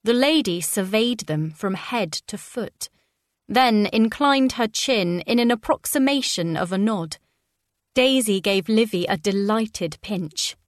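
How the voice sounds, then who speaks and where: Woman narrator, slow and measured audiobook reading, dry close sound. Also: medium pitch, no room sound.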